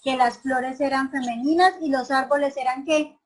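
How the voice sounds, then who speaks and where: A woman's voice: high voice, steady tone, normal speed, rough recording. A woman teacher giving an online class. She asks her students many questions and often checks whether they agree.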